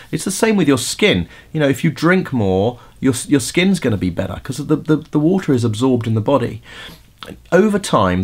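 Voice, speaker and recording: A middle-aged man with a medium-pitched, darkish voice hosts a podcast and, as a vocal coach, hands out casual vocal tips, chatting away with many fillers and restarts.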